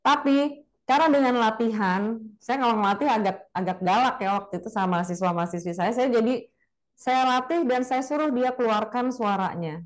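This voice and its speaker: A woman speaking casually in a webinar on public speaking, chatty and lively, demonstrating different intonations, over a video call mic. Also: fairly high pitch, fairly quick. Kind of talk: casual spoken lecture.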